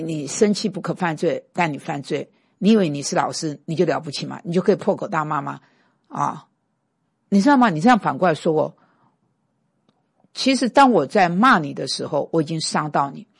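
Woman preacher, low gravelly voice, emphatic delivery. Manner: lively, emphatic, acts out quarrels. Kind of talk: sermon.

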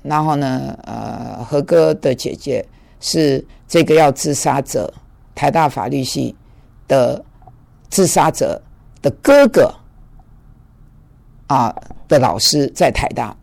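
A man telling a conversion story in a sermon, acting out the dialogue and stammering when excited. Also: medium pitch, slow pace, creaky, long pauses. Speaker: preacher giving testimony.

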